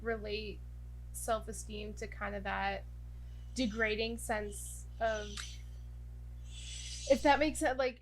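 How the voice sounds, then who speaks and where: A woman's voice: medium pitch, steady tone, takes it slowly, long pauses, slight background noise, rough recording. A woman interviewing over a video call, chatty and giggly, asking loosely phrased questions.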